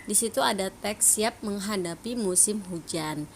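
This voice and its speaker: A woman teaches young children in a recorded online lesson, gentle and coaxing. Her voice sits at an ordinary middle pitch, and she often adds a soft "ya" to her sentences. A faint noise runs beneath the recording. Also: measured pace. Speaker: primary school teacher.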